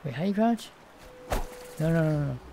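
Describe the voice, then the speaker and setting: A woman with a deep, dark-toned voice streams a VR game from a room at home, seated in her headset. She talks casually and briskly with animated energy, rambling, hesitating, restarting often and thinking aloud. A slight hiss or hum sits under the recording.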